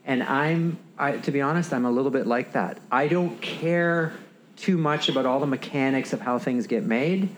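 A man's voice: medium pitch, moderate pace, a little hiss or hum, poor audio. A man co-hosting a casual podcast conversation, rambling and restarting as he tells stories. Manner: rambling, self-interrupting, animated storytelling. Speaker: podcast co-host.

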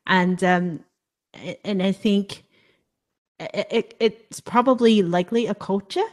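A woman's voice: mid-range voice, a little slow. A middle-aged woman from Hong Kong, hosting an interview and sharing her own view in an engaged, reflective way. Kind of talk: conversational interview.

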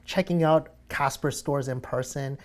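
A man's voice: mid-range voice, measured pace. Chatty young man laughing through a story. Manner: chatty, laughs often, many fillers. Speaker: guest sharing a mattress story. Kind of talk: casual chat.

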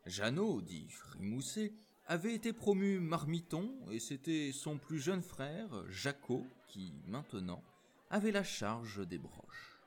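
A man reading a storybook aloud in an expressive, animated narration. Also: on the high side, takes it slowly.

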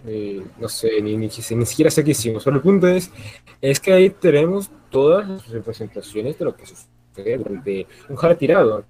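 A man's voice: medium pitch, sing-song, normal speed, warm tone, husky. A man hosting a comedy podcast, commenting with ironic, mock-solemn remarks. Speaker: podcast host.

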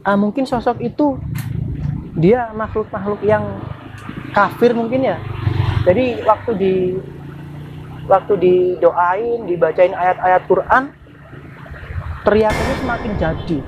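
A woman telling a story in a casual, chatty way, often tagging sentences with quick questions to the listener. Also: mid-range voice, muffled recording, noisy background. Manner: chatty, frequent tag questions, restarts.

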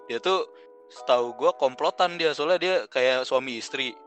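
A man's voice: mid-range voice, moderate pace, a bit bright, soft background music. A young man telling a story in slangy casual chat, rambling and laughing as he goes. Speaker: guest storyteller.

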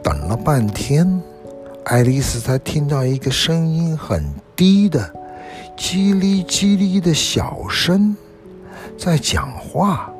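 A man narrating a children's storybook in a gentle, animated storytelling manner. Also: fairly high pitch, takes it slowly, soft background music.

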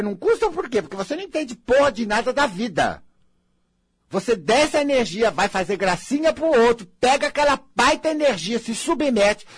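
A man's voice: extremely high pitch, husky, no echo. A man with a Brazilian accent giving an emphatic, dramatic motivational monologue as a spiritual life coach, acting out mocking dialogues.

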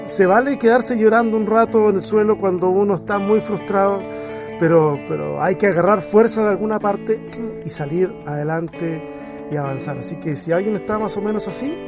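A male podcast host with a notably high voice opens his show in a reflective, encouraging way. Soft guitar music plays faintly behind him as he welcomes and questions a guest. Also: normal speed. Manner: reflective, encouraging, tells a Bible story. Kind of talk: warm interview podcast.

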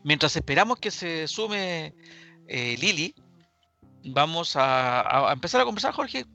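Bright-voiced Chilean man hosting talk radio. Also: a little high, big pitch swings, measured pace, creaky, soft background music. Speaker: radio talk show host. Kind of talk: live current-affairs radio talk.

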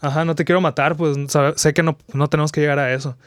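A man's voice: a little high, fairly even intonation, fast talker, no echo. A young man with a Mexican accent, a podcast guest chatting casually and retelling a story in a rambling, slangy way with many restarts. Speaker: podcast guest, video creator. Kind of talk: casual chat, retelling an anime plot.

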